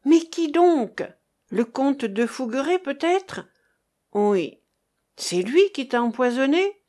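A woman's voice: sits high, big pitch swings, slow, warm tone, voice pushed up, exaggerated voice. Woman voicing an urgent sailor man. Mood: pressing. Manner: urgent, pressing questions.

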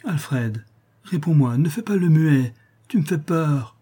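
A man voicing an excitable, doting old woman concierge who fusses in a shrill, fretful voice. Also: normal speed, breathy edge. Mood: coaxing. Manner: shrill, fretful, fussing endearments.

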